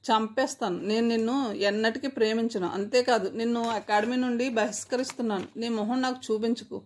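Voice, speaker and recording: A woman's voice: a little high, fairly even intonation, fairly quick, lightly acted. Storybook reading: a woman voicing a harsh, furious young man. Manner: shouting insults, harsh.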